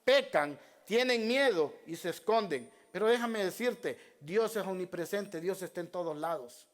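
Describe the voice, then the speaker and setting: A man's voice: sits high, animated, measured pace. A male pastor preaching a sermon, repeating Bible references and putting rhetorical questions to his congregation. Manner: repeats Bible references and addresses listeners as beloved brothers.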